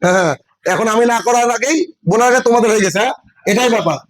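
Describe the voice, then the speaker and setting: Man, high voice, classroom lecture, step-by-step explaining. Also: racing, poor audio. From West Bengal. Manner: explains step by step, checks understanding with questions. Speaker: English teacher. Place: classroom with a board.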